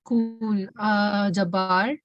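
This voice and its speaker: Woman, call host, hesitant with fillers and restarts, video call audio, dry close sound, mid pitch. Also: steady tone, drawn-out words, no echo, dull audio. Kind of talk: casual online meeting talk.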